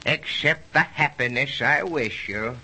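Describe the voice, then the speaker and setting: A man's voice: mid-range voice, measured pace, pushed and bright, husky, full character voice. A man playing a generous, solemn farmer in an old radio drama, giving benevolent blessings theatrically.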